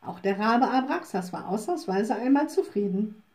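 A woman reading a children's storybook aloud in a calm, measured storytelling manner. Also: on the high side. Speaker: narrator.

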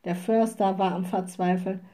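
A woman reading a children's storybook aloud in a calm, clear way. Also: medium pitch, moderate pace. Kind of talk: read-aloud storybook narration.

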